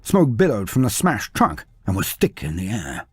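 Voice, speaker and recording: A man with a lowish, breathy-edged voice reads a fantasy story aloud at a normal speed, his pitch swooping wildly. The scripted narration is dramatic, rising and falling as the tale unfolds.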